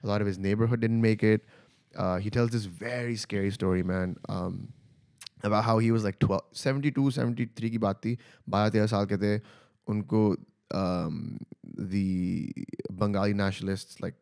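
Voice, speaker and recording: A man telling personal stories in casual conversation, haltingly, switching between English and Urdu. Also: fairly low pitch, fairly even intonation, creaky, a little mellow, clean tone. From Pakistani family from Karachi.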